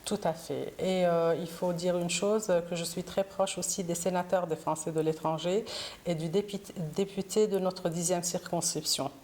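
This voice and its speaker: A woman's voice: lowish voice, fairly even intonation, moderate pace, a little mellow. A middle-aged woman from Lebanon, guest in an interview, answering hesitantly with many fillers. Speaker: interview guest, consular councillor.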